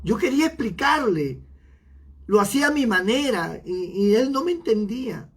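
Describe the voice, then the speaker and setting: A man's voice: very high-pitched, lively intonation, moderate pace, breathy edge. A pastor telling his conversion testimony in an emotional, repetitive way. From Peru. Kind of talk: sermon testimony.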